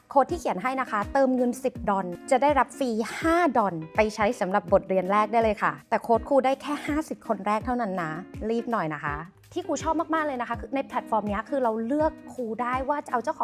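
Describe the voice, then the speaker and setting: Bubbly high-voiced woman teacher. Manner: bubbly and enthusiastic. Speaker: English teacher. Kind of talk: casual sponsored lesson talk.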